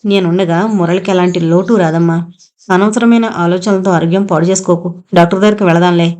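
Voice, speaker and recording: A woman's voice: lowish voice, steady tone, quick pace, darkish tone, lightly acted. A woman voicing a proud, caring young married daughter who speaks earnestly and with feeling. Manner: earnest and emotional.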